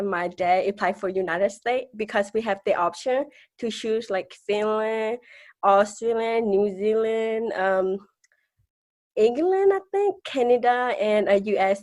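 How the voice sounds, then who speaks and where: A podcast guest in her twenties with a mid-range voice speaks in a Karenni accent; she was raised in a refugee camp in Thailand. In this conversational interview, she talks hesitantly, restarting sentences and laughing softly between points.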